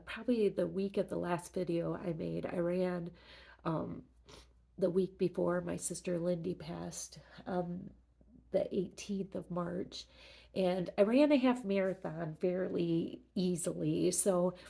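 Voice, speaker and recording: A middle-aged woman talking casually in a personal vlog update, halting and reflective, sounding emotional as after crying. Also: lowish voice, fairly even intonation, vocal fry, mellow. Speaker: fitness vlogger.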